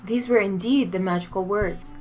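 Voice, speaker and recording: A woman reading a folktale aloud in a measured, expressive storytelling manner. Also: mid-range voice, soft background music.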